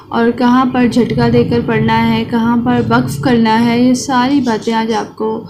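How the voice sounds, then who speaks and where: A woman teaching a children's tajweed lesson, reciting verses very slowly for pupils to repeat and explaining pronunciation in between. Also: fairly high pitch, background noise. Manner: slow, drawn-out recitation alternating with quick explanations.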